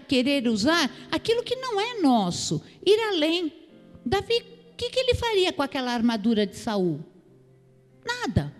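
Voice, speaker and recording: A Brazilian woman pastor preaching a sermon in a church hall, her fairly high voice swinging widely in pitch. She drives her points home with emphatic rhetorical questions to the congregation. Her words ring out with a long reverb from the hall.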